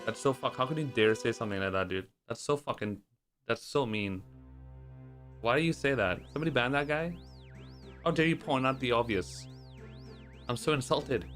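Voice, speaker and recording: Soft music plays behind a man whose mid-range, slightly bright voice moves at a moderate pace with lively intonation and long pauses. He's a Trinidad-raised streamer and speedrunner in his thirties, speaking with an American accent adopted through years of streaming. While gaming and reading chat, he talks casually and sarcastically, swears often, and keeps restarting.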